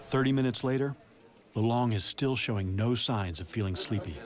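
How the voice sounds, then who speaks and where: A man's voice: medium pitch, normal speed, a crowd in the background. A man reading scripted nature documentary narration in a dramatic, suspense-building way. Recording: loud music under the voice. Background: loud background music.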